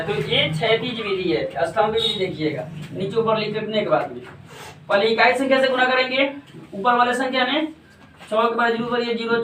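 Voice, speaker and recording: A high-voiced man walks through a maths lesson step by step, asking his own questions and answering them. He is heard from some distance in an echoey room. A faint hum of ambience sits behind him. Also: fairly bright tone. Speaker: maths teacher.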